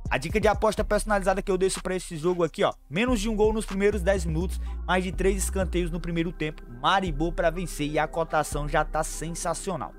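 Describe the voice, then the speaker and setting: A young man from Brazil giving quick football betting tips to his viewers, chummy and brisk, calling them family. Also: sits high, soft background music. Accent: Brazilian Portuguese, São Paulo fan. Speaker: sports betting tipster. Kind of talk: fast betting tips over screen share. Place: small room at home.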